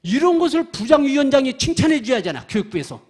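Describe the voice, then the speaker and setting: An older man, a church elder, giving a lively evangelism testimony in church, telling stories, acting out quoted dialogue and putting questions to the congregation. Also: very high voice, fast.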